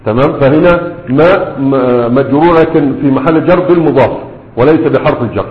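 A man with an Egyptian Arabic accent teaching a grammar lesson. He slows down to recite examples and keeps checking that the class follows him. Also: medium pitch. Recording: roomy hall echo, dull lo-fi sound.

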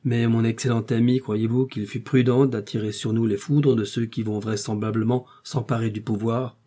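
A man's voice: medium pitch, flat delivery, moderate pace, dark tone, close to an everyday voice. A man reading aloud, voicing a proud young wife who speaks in a clipped, defiant way. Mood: guarded.

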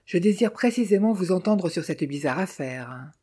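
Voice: mid-range voice, lively intonation, normal speed, darkish tone, slightly rough. A narrator voicing a coarse, bullying police captain who talks sarcastically and blusters. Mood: blustering. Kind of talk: audiobook character voice.

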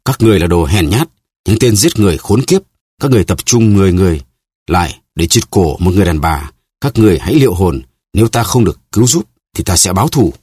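A man's voice: sits low, very animated, fast, few pauses, fairly bright tone, slightly rough, dry recording, exaggerated voice. A man reading an audiobook, voicing a desperate cursed noblewoman who pleads for her life in a wailing voice. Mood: defiant.

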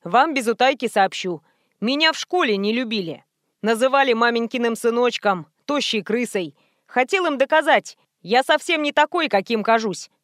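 A woman's voice: a little high, lively intonation, normal speed, fairly bright tone, no echo, studio quality. A woman reading an audiobook voices a boastful, cold teenage boy who is a killer, speaking smugly and with cheerful callousness.

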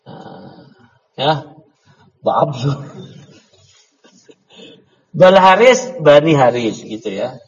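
A man's voice: medium pitch, very animated, extremely slow, long pauses. A middle-aged man teaching an Arabic grammar class in a casual, chatty way, quizzing his students and slipping in joking asides. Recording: dull lo-fi audio with long reverb and faint noise.

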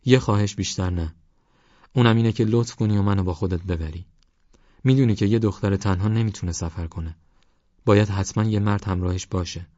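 A man's voice: fairly low pitch, darkish tone, dry recording, lo-fi sound, natural voice. A man voicing a defiant young orphan woman. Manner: fierce, pleading.

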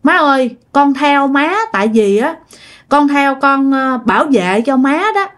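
A woman's voice: high voice, unhurried, pitched above the performer's own voice. The ghost of a devoted young man pleads with his adoptive mother in a raised, earnest voice, as a woman puts him on. He keeps repeating his promises in a Southern Vietnamese accent, like a figure in a spoken ghost story. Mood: pleading.

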